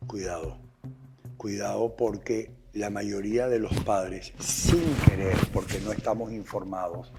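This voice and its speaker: A man's voice: on the low side, steady tone, a little slow, gravelly, music in the background. A man with a Venezuelan accent, a guest addiction expert speaking with passion and repeating phrases for emphasis. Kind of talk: emphatic testimony and explanation.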